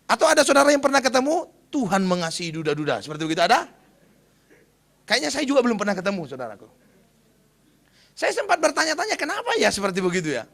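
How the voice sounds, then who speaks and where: A male pastor preaches in a chatty, storytelling manner and keeps calling out to his congregation. His voice sits high and sounds bright, with a gravelly rasp. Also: huge pitch swings, fast, pauses often. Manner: chatty storytelling, often addressing the congregation as brothers and sisters. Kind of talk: sermon.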